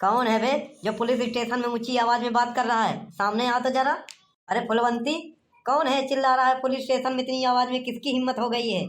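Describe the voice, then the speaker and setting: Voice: mid-range voice, flat delivery, fairly quick, a bit bright, lightly acted. A performer voicing a bossy, curt police inspector in a cartoon comedy, barking orders and mocking people. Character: gruff, lazy small-town police inspector.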